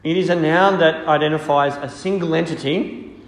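A man speaking as a priest, reading scripture and preaching in a solemn, measured way in an echoing church. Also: a little high, steady tone. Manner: solemn, measured, deliberate phrasing. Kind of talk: liturgical reading and homily. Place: large reverberant church. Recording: echoey church with long cathedral-like reverb.

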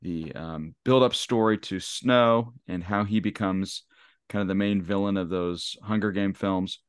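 A man hosting a casual podcast discussion, talking in a halting way with many restarts. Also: deep voice, steady tone, smooth, no echo, clean studio sound. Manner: halting, lots of restarts and fillers. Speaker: podcast host.

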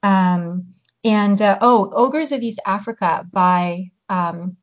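A novelist and teacher born in Hungary and raised in the US chats casually as an interview guest, reflective and pausing to search for her words. Her voice is medium-pitched, and the audio is slightly muffled.

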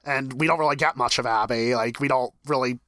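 A man in his thirties talks through a TV episode in an animated, casual way, his voice leaping high whenever he acts out a reaction. His tone is bright and forward, recorded close with no room sound. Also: fairly quick, dry recording. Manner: animated, jumps high in pitch when acting out reactions. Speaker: podcast co-host.

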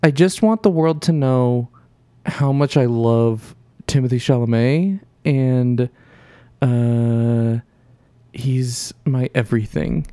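A man doing a high, slow impression of a starstruck young woman friend, gushing over a crush. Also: mellow, dry recording.

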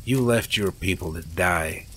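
A man's voice: low-pitched, unhurried, a bit bright, slight background noise. A man voicing a defiant captured man who speaks with open scorn.

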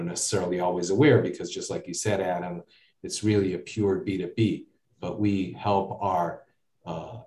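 Recorded from afar in a clearly echoey space, an American man speaks in a low, darkish voice. He's a guest in a relaxed interview, rambling along and filling gaps with "uh," "you know," and asides.

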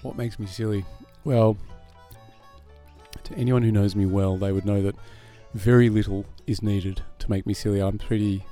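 A man's voice: on the low side, fairly even intonation, moderate pace, dark tone, soft background music. A middle-aged musician, a man, chatting as a podcast guest, rambling and self-deprecating with frequent laughs. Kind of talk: casual podcast interview.

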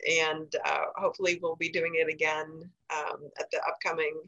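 An American female podcast guest shares information informally. Her voice sits a little low but has a bright, forceful edge. She speaks haltingly, pausing and hesitating between phrases. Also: flat delivery, highs cut off. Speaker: podcast guest, safe zone trainer.

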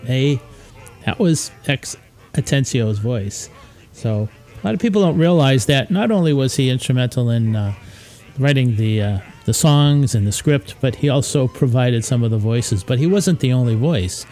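A man hosting a podcast, telling history in a relaxed, casual way, often pausing with uh and um. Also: mid-range voice. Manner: relaxed, hesitant, with frequent uh and um. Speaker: podcast host. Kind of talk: casual informal history talk.

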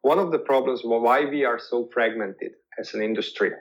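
The recording is dull and lo-fi as a guest, a man whose native language is Hungarian, answers interview questions at normal speed in a medium-pitched voice. He's thoughtful and repeats words while working out his phrasing.

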